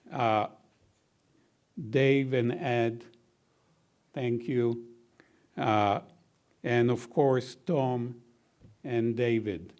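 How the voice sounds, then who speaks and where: The honoree, an older man with a baritone voice, wraps up a university reception with a sincere, formal speech of thanks. He speaks at an ordinary middle pitch, very slowly and with great care. Now and then a mild bit of humor slips into his gratitude.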